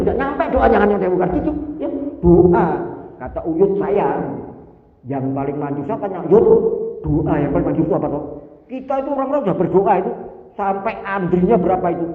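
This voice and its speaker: An older man giving a lively, joking sermon and putting questions to the listeners. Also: high-pitched, a little fast. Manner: lively, jokey, questions the audience. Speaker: preacher. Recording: echoey hall, far from mic, tinny.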